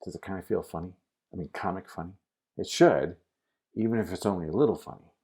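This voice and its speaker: Man, acting teacher, husky, casual coaching tone. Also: sits low, fast, mellow. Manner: casual instructive, addresses the student directly. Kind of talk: recorded acting lesson.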